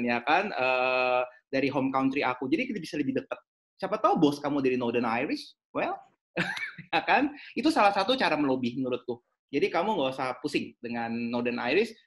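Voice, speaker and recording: A man, an education consultant giving chatty advice in a webinar, mixing in English phrases. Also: a little high.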